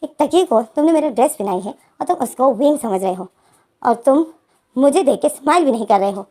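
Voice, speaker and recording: Woman doing an upset young man in a storybook retelling, high and mellow, pleading; light acting. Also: expressive, a little fast. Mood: hurt, pleading. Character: young man, hurt and jealous lover.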